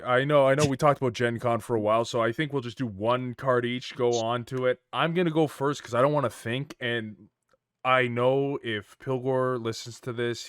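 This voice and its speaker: A man's voice: medium pitch, fairly bright tone, clean tone, no room sound, clean studio sound. A man hosting a casual podcast chat, talking in a loose, profane way. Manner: loose, profane, laughing easily. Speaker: podcast host.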